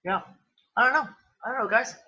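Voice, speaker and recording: This livestream host talks in a very high, fairly quick voice with a sharp tone, and the recording is muffled. Sniffling and losing his voice, he rambles exclamatorily and swears freely into a computer mic on a video call during a casual chat.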